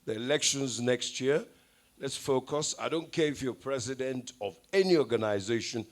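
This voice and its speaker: A man's voice: medium pitch, moderate pace. Nigerian man giving a wry event speech. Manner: anecdotal, wry, switches into Pidgin asides. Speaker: event speaker. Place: event hall.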